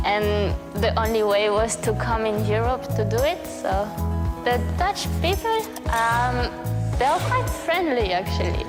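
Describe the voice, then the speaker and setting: Woman from reunion island chatting in a promo clip, slightly high voice, loud music behind. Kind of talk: video testimonial. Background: loud background music.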